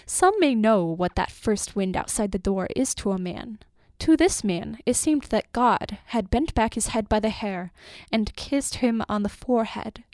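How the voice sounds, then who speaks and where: A woman's voice: medium pitch, no room sound. Woman reading a story, dry and close. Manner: measured and expressive, lingering on lists. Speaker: narrator.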